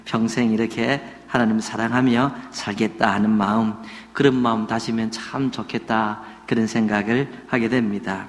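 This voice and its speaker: A man from the Gyeongsang region preaching a sermon as senior pastor, animated and playful, slipping into regional dialects for humor. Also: fairly low pitch, normal speed, big-room sound. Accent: Gyeongsang Korean. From Gyeongsang region, Korea.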